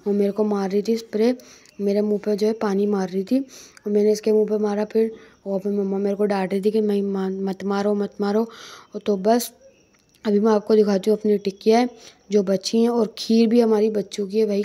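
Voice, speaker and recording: A woman's voice: medium pitch, dark tone. A young woman narrating a casual family vlog in a chatty way, often repeating herself and restarting lines. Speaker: vlogger.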